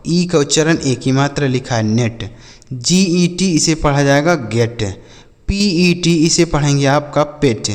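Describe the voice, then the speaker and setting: A man teaching an English phonics lesson. He spells words letter by letter, sounds them out slowly, and asks the class questions that he then answers himself. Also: a little high, in a large hall.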